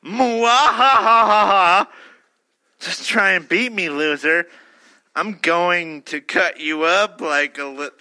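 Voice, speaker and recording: A man voicing a cocky, murderous surfing villain in a cartoonish style, with slow, theatrical menace. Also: a little high, pushed and bright, full character voice. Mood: gloating menace.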